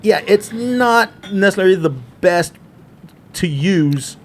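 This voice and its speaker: A man hosting a casual whiskey review podcast, joking around and explaining things in quick, rambling bursts. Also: high-pitched, expressive. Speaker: podcast host.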